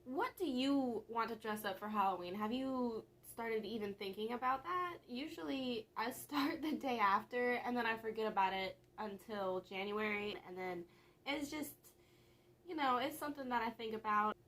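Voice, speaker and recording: A woman's voice: on the high side, normal speed, a bit bright. A young woman vlogger chatting casually and rambling a little, with laughs between thoughts. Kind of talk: casual vlog chat.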